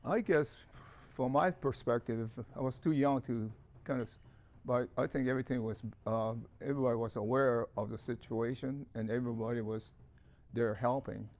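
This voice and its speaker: An older man from Hawaii giving an oral history, calm and measured with some hesitations. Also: mid-range voice. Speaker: witness recalling childhood.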